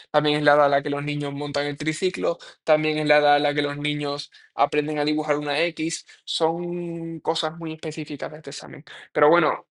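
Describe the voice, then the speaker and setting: A man's voice: fairly high pitch, gravelly. A young man, a medical student talking through practice exam questions, thinking aloud, scolding himself and swearing casually.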